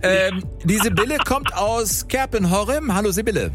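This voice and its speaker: A male radio quiz host with a somewhat high, very animated voice. He talks fast and chatty, jokes with callers and laughs easily. Faint music plays under the broadcast. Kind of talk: lively radio quiz moderation.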